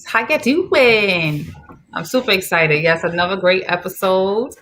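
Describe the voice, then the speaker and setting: A woman's voice: medium pitch, unhurried, a bit bright, a little hiss or hum. A woman co-hosting a live chat show, hyped and playful as she opens and talks through the topic. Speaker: podcast co-host opening the show.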